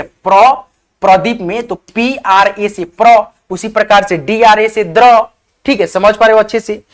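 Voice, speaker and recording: Here a male online teacher, his voice high and fairly bright, sounds out words letter by letter in a spelling lesson for beginners. Addressing viewers as his friends, he often says "theek hai" and invites them to leave comments.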